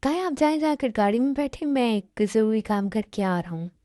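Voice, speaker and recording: A woman's voice: on the high side, expressive, normal speed, warm tone, no room sound, clean studio sound, lightly acted. A woman voicing a patient young husband in an amateur Hindi dubbed drama, speaking in a pleading, soothing way.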